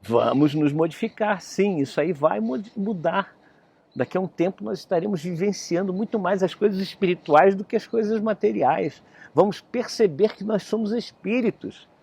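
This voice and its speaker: Gravelly lecturer. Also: male voice, high-pitched, moderate pace, mellow. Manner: conversational, often adds "né?". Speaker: spiritist lecturer. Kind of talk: storytelling sermon.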